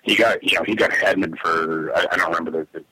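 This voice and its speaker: Deep, husky male co-host for laid-back sports analysis, agreeable, recorded in an attic. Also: steady tone, fast talker, bright, forceful tone, rough recording. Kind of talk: casual sports analysis chat. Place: attic of a house, recording in summer heat.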